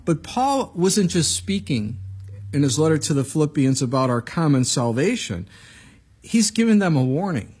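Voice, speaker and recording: Pastor, male, preaching at a pulpit mic, slightly raised voice, husky, earnest and warning. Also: fairly high pitch, darkish tone. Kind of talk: expository Bible sermon.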